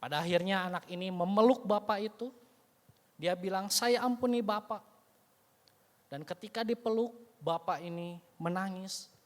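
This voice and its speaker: A man's voice: sits high, moderate pace. A man preaching a sermon, telling a story in a conversational way with frequent casual tag phrases. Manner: conversational, frequent "you know" tags, dramatic retelling. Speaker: evangelist preacher. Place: church sanctuary. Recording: long church hall reverb.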